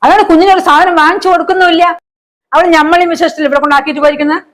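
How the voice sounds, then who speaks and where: Fussy fast-talking woman, high voice. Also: steady tone, a bit bright, low-quality recording. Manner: fussy, doting, scolding. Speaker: grandmother character. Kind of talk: comedy family sketch acting.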